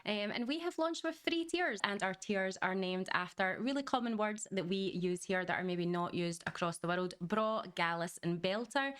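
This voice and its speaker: Female host, gentle Glaswegian Scottish accent, crisp and clean tone, careful diction, informal chat. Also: mid-range voice. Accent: Glaswegian Scottish, softened. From Glasgow, Scotland. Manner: deliberately slowed, clearer speech. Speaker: host of film reaction channel. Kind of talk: casual chat to viewers.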